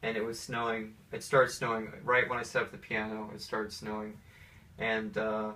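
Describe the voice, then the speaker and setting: Bright and forceful yet monotone, the voice of this thirty-something pianist from Atlanta sits on the low side and moves at a moderate pace. The American man answers interview questions in a casual, hesitant, rambling, personal way. He's recorded on a distant mic with faint background noise.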